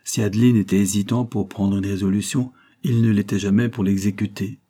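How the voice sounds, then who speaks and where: Low, husky male audiobook narrator. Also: fairly even intonation, brisk, mellow. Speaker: audiobook reader.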